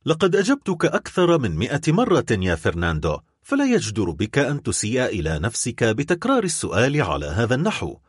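A man voicing a gentle young woman in an audiobook, speaking calmly and firmly in a raised voice. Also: mid-range voice, fast talker, breathy edge, no echo, clean studio sound. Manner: calm, composed. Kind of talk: audiobook character voice.

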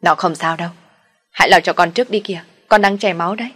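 A woman voicing a frantic, panicked mother who pleads loudly, in an audio story. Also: fairly low pitch, fast talker, breathy edge. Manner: frantic, loud.

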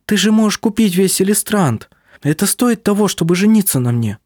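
A man's voice: sits high, expressive, normal speed, darkish tone, no room sound, pitched above the performer's own voice. An emotional, spirited young woman who pleads and teases in a raised voice, as a man reads her part in an audiobook. The recording is dry and close, with no room around it. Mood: haughty.

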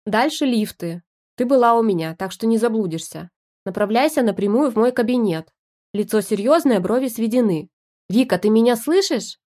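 An irritable husband snaps and barks orders in a loud, bossy voice, as a woman reads him. He pitches a little higher than the plain narration and sounds impatient throughout, as in a spoken storybook. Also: expressive, normal speed, close to an everyday voice. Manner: snappish, bossy, raised voice.

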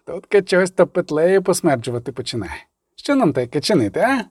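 A jittery young squire mutters low and uneasy, his phrasing homespun and rustic, as a male narrator puts him on. The voice sits a touch high and close, with a dry, dead sound. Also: sing-song, a little fast, darkish tone, husky, no echo. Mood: uneasy muttering. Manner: muttering, uneasy, folksy turns of speech.

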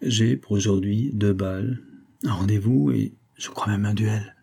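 A man's voice: fairly low pitch, measured pace, vocal fry, warm tone, breathy edge, heavily acted. A man reading the part of a carefree young officer with a playful, teasing manner in an audiobook. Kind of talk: audiobook character voice.

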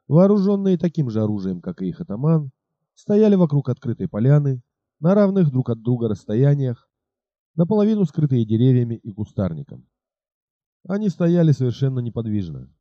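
A man reading an adventure novel aloud as a narrator, dramatic and lively. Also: mid-range voice, no echo, muffled recording. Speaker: audiobook narrator. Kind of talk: expressive scripted narration.

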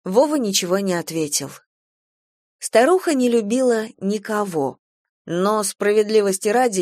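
A woman reads a dark story aloud in a measured, expressive narration with a dry, ironic edge. Her voice sits at a middle pitch for a woman. The recording is close and dry with no room sound. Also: dry recording. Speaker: audiobook narrator.

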